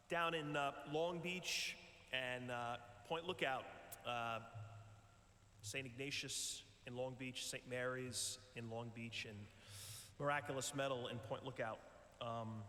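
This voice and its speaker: A priest giving a retreat talk in a large church, telling a story in a relaxed, conversational way with many ums and uhs. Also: male voice, medium pitch, measured pace, a little hiss or hum. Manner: conversational storytelling with frequent fillers. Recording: echoey church with long reverb.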